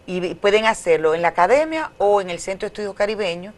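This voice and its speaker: A woman's voice: medium pitch, animated, quick pace. A middle-aged woman with a Dominican Caribbean Spanish accent, explaining things as an academic guest in a conversational interview.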